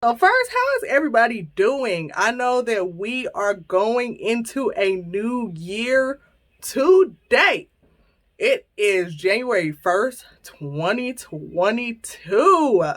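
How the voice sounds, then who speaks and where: A woman's voice: fairly high pitch, slow pace. A woman in her thirties hosting her own vlog, chatting casually and playfully with viewers. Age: 30s. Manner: lively, chatty, playful storytelling. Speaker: channel host.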